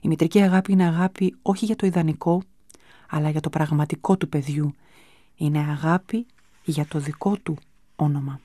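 A woman hosting a radio show, giving a calm, measured, scripted book review. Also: sits low, no echo, clean studio sound. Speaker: radio host presenting books.

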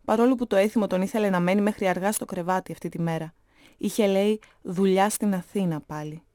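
A woman narrating a story in a steady, measured reading voice. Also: medium pitch, dry recording, clean studio sound.

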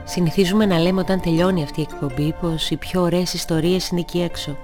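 A woman's voice: fairly low pitch, steady tone. A woman hosting radio over music. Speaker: radio show host. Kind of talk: radio presenting.

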